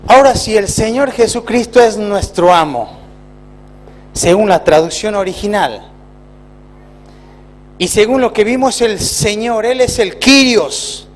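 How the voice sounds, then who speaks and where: A man with an Argentine accent, a pastor preaching a sermon in a church with emphatic rises and slow, drawn-out phrases. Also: high voice. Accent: Argentine Spanish.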